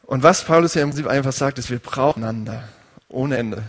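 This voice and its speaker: A man's voice: medium pitch, a little fast, big-room sound. A male pastor preaching a conversational sermon and putting questions to his congregation.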